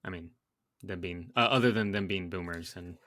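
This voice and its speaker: A man's voice: low-pitched, normal speed, pushed and bright, no room sound. Laid-back young man, dry close sound. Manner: laid-back, hesitant with fillers. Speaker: podcast co-host. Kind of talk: casual banter.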